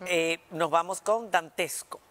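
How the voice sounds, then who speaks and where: A woman's voice: on the low side, measured pace, fairly bright tone. A Dominican woman hosting a TV talk show, guiding the chat and finishing her guest's sentences. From Dominican Republic. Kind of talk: casual talk show conversation.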